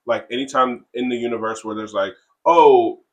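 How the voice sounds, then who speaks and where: A man co-hosting a casual podcast, talking in halting stretches with many fillers and restarts. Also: medium pitch, steady tone, fairly bright tone, muffled recording. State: has the hiccups. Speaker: comic creator and co-host.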